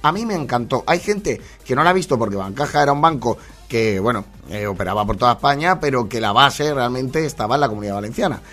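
Brief: Spanish man from Spain, mid-pitched, chatty and laughing, faint music underneath. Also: lively intonation, fast talker, fairly bright tone. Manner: chatty, laughs often, mimics ad voices. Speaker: host. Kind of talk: casual chat to followers.

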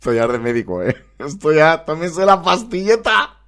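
Presentador con acento valenciano, voz un poco alta, comentario cómico y desenfadado, muy coloquial. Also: male voice, on the high side, sing-song, normal speed, a bit bright. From Valencia, Spain. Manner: chatty, laughs often, colloquial and joking. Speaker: podcast host reacting to clips. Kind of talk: casual comic commentary.

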